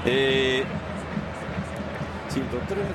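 Crowd chants and stadium ambience fill this noisy outdoor broadcast as a man gives live soccer commentary in an open-air stadium. His voice is mid-range and he talks very slowly.

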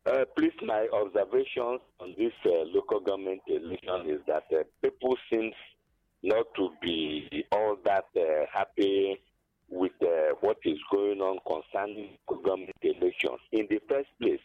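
A man's voice: low-pitched, moderate pace, dry recording. An older Nigerian man calling in to a radio show, hesitating over many fillers and building into emphatic complaints over a dull phone line. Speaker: caller.

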